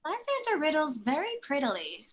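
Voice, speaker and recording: A woman's voice: sits high, huge pitch swings, moderate pace, a bit bright, a little hiss or hum, exaggerated voice. A woman playing a spirited young maiden. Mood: tender. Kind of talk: Shakespeare reading.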